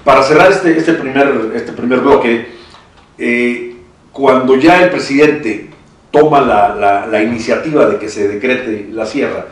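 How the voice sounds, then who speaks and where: A man's voice: mid-range voice, unhurried. A man with a Mexican accent in a panel discussion, talking with many restarts and chuckles. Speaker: citizen council member. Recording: echoey room from far off.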